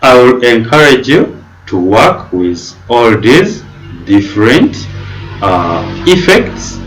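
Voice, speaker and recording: Slow, lively-voiced male tutorial instructor. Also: mid-range voice, faint music behind, low-quality recording. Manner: slow, deliberate explaining with rising stresses on key words. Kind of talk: software tutorial narration. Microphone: computer mic on a video call.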